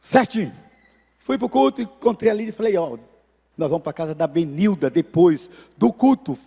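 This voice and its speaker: Preaching a storytelling sermon in a church, a Brazilian Portuguese-accented pastor speaks at a moderate pace with a husky voice and vocal fry, pitched high for a man. He animatedly performs the people in his stories with lively shifts. A long sanctuary reverb trails his words.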